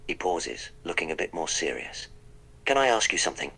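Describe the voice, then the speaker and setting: A man's voice: low-pitched, very animated, a little fast, creaky, pushed and bright, breathy edge, full character voice, poor audio. A man voicing the Doctor, a wry, polite eccentric time traveller, in a text-to-speech role-play that narrates his own actions.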